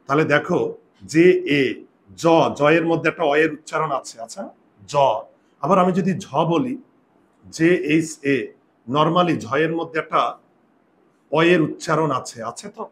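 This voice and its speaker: A man teaching a grammar lesson, explaining step by step, asking his students questions and saying example words very slowly. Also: on the high side, fairly even intonation, fairly bright tone. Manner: drawn-out slow example words. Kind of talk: classroom pronunciation lesson.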